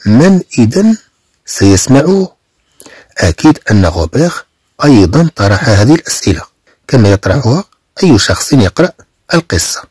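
Male teacher, husky, lowish voice with a lively lilt, repeats and translates each phrase. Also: quick pace, no room sound. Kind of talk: explaining a French reading text.

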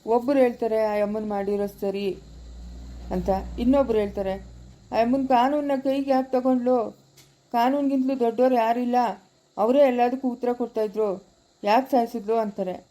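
A woman's voice: a little high, steady tone, a little fast, pauses often, dark tone, lightly acted, low-quality recording. A woman playing Shivappa, humble village grandfather. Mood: troubled, humble. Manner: humble and deferential, pleading, plain-spoken. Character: humble elderly village grandfather, weary and pious. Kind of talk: home-made family drama acting.

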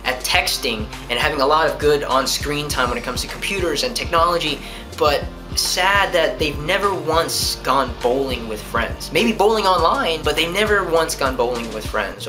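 A man's voice: fairly high pitch, animated, normal speed, music in the background. A young man from New Hampshire chatting casually at home, answering viewer questions and rambling as he talks with his hands. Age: young adult. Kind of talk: casual vlog chat. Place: living room at home, indoors.

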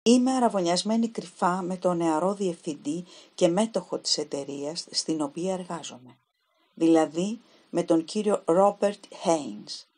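A frightened young woman who pleads with a trembling, husky voice, set a little low for her age, as a woman reading a storybook puts her on. She sounds pale and shaken, choosing her words with care. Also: dark tone, lightly acted. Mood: tearful confiding.

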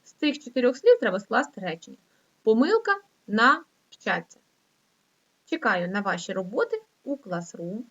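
A middle-aged woman teaching an online lesson to young children, reading slowly and in a sing-song way. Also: sing-song. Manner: slow, sing-song reading with rising pitch. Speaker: primary school teacher. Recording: dull lo-fi recording.

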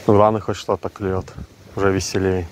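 Fields: Sex: man. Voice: low, flat. Style: terse fishing commentary. Noise: wind on mic. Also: moderate pace. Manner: terse, short fragmented remarks. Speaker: angler filming himself. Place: outdoors on a windy lake shore. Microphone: action camera worn on the body. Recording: outdoor wind and ambient noise.

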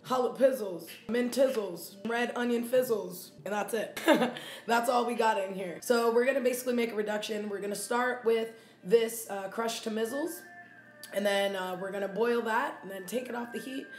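In a small home kitchen, a woman in her twenties hosts a casual cooking vlog, playful and slangy, tacking silly rhyming endings onto words. Her mid-range voice is worn and she's losing it, sounding reverberant and distant. A phone camera picks her up close, then from a few steps away.

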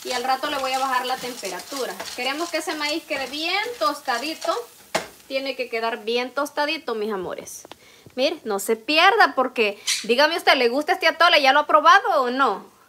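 High-voiced Salvadoran woman chatting while cooking. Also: normal speed, slight background noise. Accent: Salvadoran Spanish. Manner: homely, talkative, addresses viewers warmly as "usted". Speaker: cooking vlogger. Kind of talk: chatty live cooking stream. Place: home kitchen. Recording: clatter of pots and utensils.

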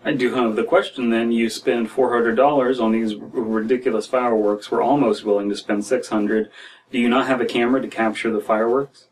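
A young American podcast host, speaking in a steady mid-range voice a little fast, gives rambling commentary on stories with plenty of "like" and "you know." He's indoors in a small room at home. The recording uses a distant mic and has room noise.

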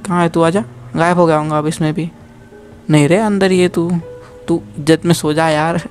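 A man's voice: a little high, flat delivery, normal speed, faint music behind. Joking young man playing a horror game. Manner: joking, mocking the game, talking to viewers. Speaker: gaming youtuber. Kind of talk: live horror game commentary.

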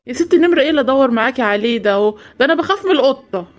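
Woman playing a jumpy young cartoon lamp-finder, Egyptian Arabic accent, quick talk, somewhat high. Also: lively intonation. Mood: nervous. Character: young man who finds a magic lamp, nervous.

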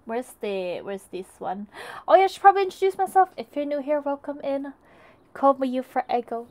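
A woman's voice: high-pitched, animated, a little fast, darkish tone. A young woman casually chatting with her live chat while she crafts, greeting viewers and often restarting her sentences. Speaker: arts and crafts streamer.

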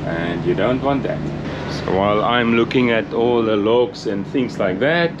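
A man's voice: lowish voice, expressive, dull audio. Chatty man filming on a sailboat. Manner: chatty, unhurried, chuckles often. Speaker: sailing vlogger. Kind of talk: casual vlog narration. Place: outdoors on a sailing catamaran. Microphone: action camera held at arm's length. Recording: loud wind and engine noise. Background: wind, water and boat engine.

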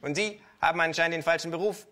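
A man's voice: fast talker, bright, forceful tone. A man voicing a cynical, ruthless male kangaroo investor in a comic story reading, brash and sneering. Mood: scornful. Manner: brash, sneering, shrill outbursts.

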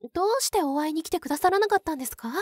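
A woman voicing a pure young nun who is sweetly possessive and obsessive, in a soft, polite ASMR role-play. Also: very high-pitched, animated, no echo, clean studio sound. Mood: wistful, shy. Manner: polite, soft, demure, lingering pauses.

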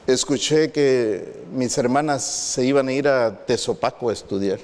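A man, a pastor preaching a sermon and telling an animated personal story. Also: medium pitch, measured pace. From northwestern Mexico. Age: 50s. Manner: animated storyteller acting out quotes. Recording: long reverb in a hall.

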